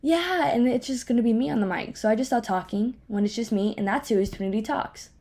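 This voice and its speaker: Her voice fairly high, brisk, and slightly mellow, a young woman with a speech impediment rambles through a solo podcast from her home office, openly candid and self-deprecating.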